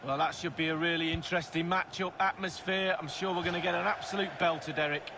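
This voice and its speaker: High-voiced football pundit. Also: male voice, fast. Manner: relaxed, chatty expert analysis. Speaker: football co-commentator. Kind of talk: video game sports commentary. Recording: loud game crowd noise behind.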